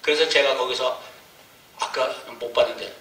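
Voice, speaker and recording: A man's voice: mid-range voice, fairly even intonation, moderate pace, a bit bright. A man preaching a sermon, telling a personal story with strong emotion and acting out his own prayers and cries, recorded from a distance in an echoey church. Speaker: missionary preacher. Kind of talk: sermon testimony. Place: church sanctuary.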